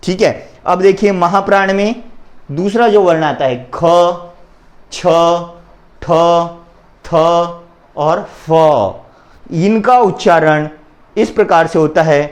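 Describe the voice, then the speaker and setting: A male teacher leads a Hindi grammar lesson in a slow, drawn-out way. His voice sits a little high, and he names the letters one by one and addresses his students directly. He often has them repeat after him. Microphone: recording for an online lesson.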